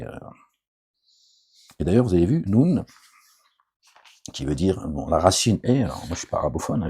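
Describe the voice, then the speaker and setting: Here a middle-aged man speaks in a very deep, warm, slightly rough voice with vocal fry. He drifts through a casual religious commentary, cracking jokes along the way and repeatedly checking in with "d'accord?"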